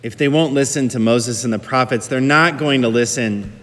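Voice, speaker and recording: A priest giving a homily at Mass, reflective and conversational, with hedging fillers. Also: male voice, medium pitch, moderate pace, fairly bright tone. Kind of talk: Gospel reading and homily at Mass. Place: church. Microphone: microphone that cut out. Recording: long church reverb.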